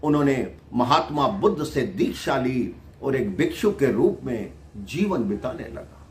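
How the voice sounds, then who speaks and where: A man narrating a devotional moral tale in a slow, measured way, pausing between phrases. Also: mid-range voice, expressive, darkish tone, echoey room. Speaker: devotional storyteller.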